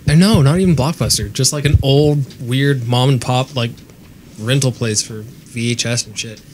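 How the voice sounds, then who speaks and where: A man's voice: medium pitch, moderate pace, darkish tone, slight background noise. A man chatting crudely and jokingly while co-hosting a let's play of a video game. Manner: crude, joking, sings snatches of songs. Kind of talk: casual gaming chat.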